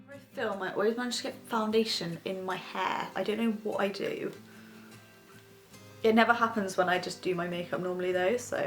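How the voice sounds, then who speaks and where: A young woman chatting casually and rambling a little as she does her makeup, vlogging from her bedroom. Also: mid-range voice. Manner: rambling, casual, talks while doing makeup. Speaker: beauty vlogger host. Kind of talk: chatty get-ready-with-me makeup tutorial. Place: bedroom, sitting on her bed.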